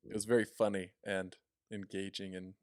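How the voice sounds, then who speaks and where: A man's voice: low voice, flat delivery, normal speed, a little mellow, no room sound, studio quality. A young man co-hosting a podcast, talking casually with lots of fillers. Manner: chatty, filler-heavy, demonstrates voice tones. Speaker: podcast co-host.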